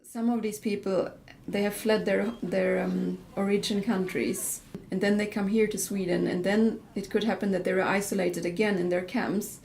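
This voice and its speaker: A woman with a mellow, dark tone and a lot of vocal fry speaks reflectively in an interview. She restarts her phrases as she goes. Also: medium pitch, steady tone, normal speed, a little hiss or hum. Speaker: festival organiser. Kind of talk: interview commentary.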